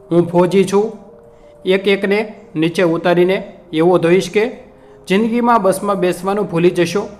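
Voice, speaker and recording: A man voicing a furious ex-soldier bus conductor who threatens the passengers in a commanding way, in a told story with soft music behind. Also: high voice.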